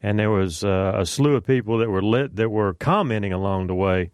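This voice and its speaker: On his morning religious radio program, a man talks in a folksy, filler-heavy way, greeting listeners by name. His low-leaning voice is a little mellow, clean and fairly quick, picked up by a studio microphone in a radio studio with clean sound and no echo.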